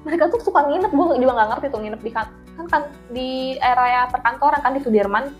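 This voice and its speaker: A woman's voice: sits high, fast, soft background music. Young woman, slangy storytelling. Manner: slangy, laughs often while telling. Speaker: interview guest. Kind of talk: casual storytelling chat.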